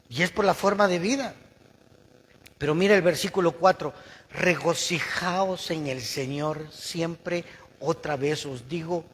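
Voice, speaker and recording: A high-voiced man preaches in a big, echoing hall. His voice is slightly husky. He throws questions out to the congregation and draws out the scripture he reads. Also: fairly bright tone. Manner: preaches with call-and-response questions, slows to read scripture. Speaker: pastor. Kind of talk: sermon.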